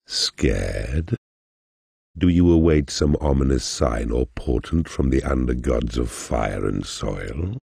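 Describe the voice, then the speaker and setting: An actor playing a huge, sinister demonic mentor in a video game, giving sardonic, drawn-out advice in a gravelly, husky growl. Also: male voice, extremely low pitch, animated, darkish tone, no echo, clean studio sound, full character voice. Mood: mocking, ominous. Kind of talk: scripted video game narration.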